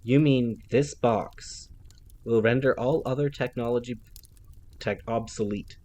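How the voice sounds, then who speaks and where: A man voicing a brash, flashy middle-aged businessman who talks loudly and boisterously, for an audiobook reading. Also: medium pitch, a little slow, slight background noise, natural voice. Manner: loud, boisterous greetings.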